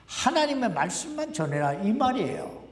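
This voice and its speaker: A man's voice: high-pitched, big pitch swings, normal speed. A male pastor preaching a sermon in a conversational way, often putting questions to the congregation. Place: church sanctuary. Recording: echoey hall, voice from a distance.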